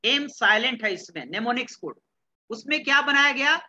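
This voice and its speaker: A computer science teacher from Bihar delivers a lecture at a moderate pace, his extremely high-pitched voice bright, forward, and expressive. He keeps quizzing the class and echoing answers, mixing English into his Hindi, on a dull, lo-fi recording.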